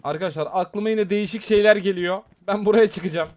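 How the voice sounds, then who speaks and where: Excitable high-voiced gamer man. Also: quick pace. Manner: excitable, chatty, talks to viewers while playing. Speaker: gaming YouTuber. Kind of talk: live mobile game commentary.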